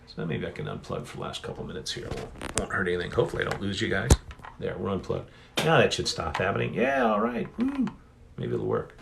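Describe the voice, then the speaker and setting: Middle-aged male author hosting a solo live Q&A on his phone. Low, gravelly voice, chatty and meandering. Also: wildly swooping pitch, fast talker, very noisy. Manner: rambling, self-correcting, chatty. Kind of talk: casual solo livestream chat. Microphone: phone on a stand.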